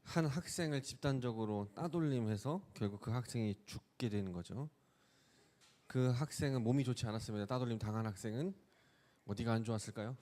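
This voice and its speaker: A man's voice: medium pitch, a little fast, dark tone. A man pastor giving a sermon, telling a personal story and asking the congregation questions.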